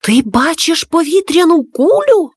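A small storybook boy, eager and a little wistful, played by a woman reader in a high childlike register. He speaks with open wonder and sadness for his lost mother. The voice sits well above an ordinary adult's. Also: lively intonation, unhurried, a little mellow, dry recording.

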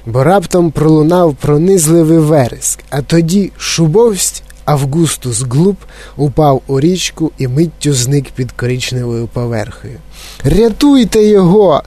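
A man narrating a storybook in an expressive, measured reading. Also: fairly high pitch, dry recording. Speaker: audiobook narrator.

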